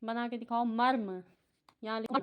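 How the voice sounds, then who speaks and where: A woman with a high voice gives a patient home lesson to a young child. She asks question after question and repeats each answer so the child follows along. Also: steady tone, normal speed, background noise. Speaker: tutor teaching a child. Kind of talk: home tutoring, Hindi lesson.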